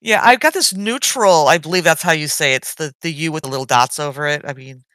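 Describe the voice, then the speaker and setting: A middle-aged woman co-hosting a podcast in casual chat, talking in an animated way with many sighs. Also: deep voice, quick pace, no echo. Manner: animated, sighing, chatty. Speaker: podcast co-host.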